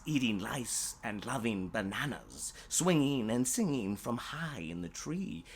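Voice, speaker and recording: In a husky, medium-pitched voice, a storyteller reads her own rhyming children's tales playfully and dramatically, stretching out words and sometimes sinking toward a whisper.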